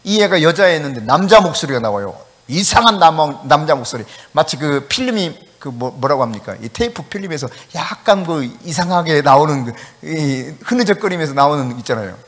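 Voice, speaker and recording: Animated Korean pastor in reverberant hall. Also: male voice, fairly high pitch, a little fast, hardly any pauses. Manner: animated, acts out dialogue, shouts commands. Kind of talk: sermon with storytelling. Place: church sanctuary.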